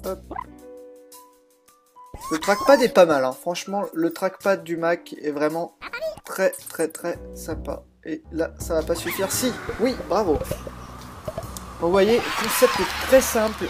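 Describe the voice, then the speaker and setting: A man with a slightly altered voice, chatting and explaining as he plays a video game, recorded on a laptop's built-in microphone. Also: a little high. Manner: chatty, explains while playing, frequent hesitations. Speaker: let's play host. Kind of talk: casual gameplay commentary.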